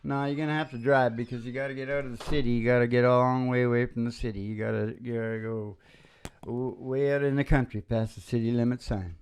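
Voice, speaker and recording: Over acoustic guitar music, a radio host and singer speaks quickly in a steady, clean mid-range voice. His live show chat is rambling, folksy and playful, and he tends to repeat phrases.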